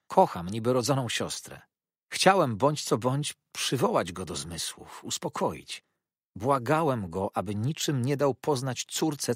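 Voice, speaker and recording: A man's voice: fairly low pitch, slightly rough, no echo, clean studio sound. Dramatic male audiobook narrator. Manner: dramatic, animated reading. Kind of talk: expressive audiobook narration of a classic novel.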